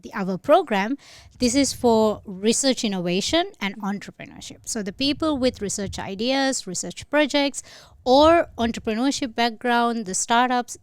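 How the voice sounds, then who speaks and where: A woman from Sri Lanka, a podcast guest, explaining her program in a measured way with some hesitant fillers. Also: on the high side, lively intonation, no room sound. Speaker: guest, incubator head. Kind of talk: podcast interview.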